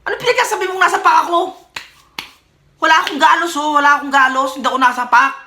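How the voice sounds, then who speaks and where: A woman performing comedy sketches, switching between characters and often shouting and laughing. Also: high voice, quick pace. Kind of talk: one-person comedy skits, playing every role.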